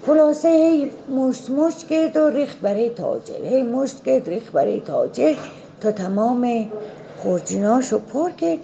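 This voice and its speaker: Female folk storyteller, gravelly and mellow, chatty with asides. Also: fairly high pitch, animated, highs cut off. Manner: conversational, with side remarks to the listener. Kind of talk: oral folktale telling.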